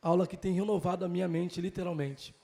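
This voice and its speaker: A man's voice: sits high, steady tone, fast, creaky, warm tone. A man with a Brazilian Portuguese accent teaching a Sunday school Bible lesson, earnest, repeating key phrases and calling listeners brother.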